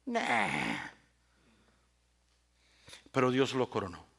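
A man's voice: mid-range voice, big pitch swings, unhurried, fairly bright tone. A male pastor preaching a sermon with dramatic swings, who asks rhetorical questions and speaks directly to the congregation. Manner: addresses listeners directly and by name.

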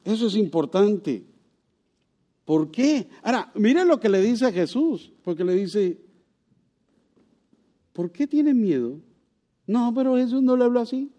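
A male pastor preaches an expressive sermon at a moderate pace, tossing rhetorical questions to the congregation. For emphasis he swings widely in both pitch and loudness.

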